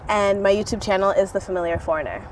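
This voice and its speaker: A woman's voice: mid-range voice, fast talker, a little mellow, far from the mic, slight background noise, rough recording. A woman from Canada answering interview questions in an earnest, encouraging way. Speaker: interviewee and YouTuber.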